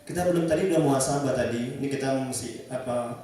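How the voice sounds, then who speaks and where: In a ruqyah session, a man preaches and gives religious counseling to a small congregation, talking fast at a medium pitch. He is gentle and repetitive and keeps asking his listeners questions, captured by a distant mic in an echoey room with faint music.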